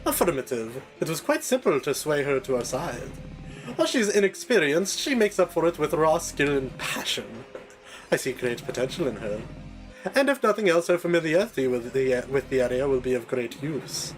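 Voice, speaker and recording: A man's voice: a little high, sing-song, normal speed, faint music behind, poor audio. Man putting on a formal, dutiful villain henchman. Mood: dutiful, confident. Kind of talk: reading video game dialogue aloud.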